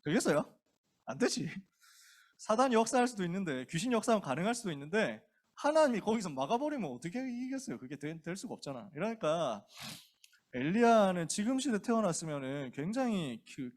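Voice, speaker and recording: A man's voice: high-pitched, sing-song, a little fast. A male pastor preaching to a youth group in a casual, colloquial way, acting out the characters as he tells the story.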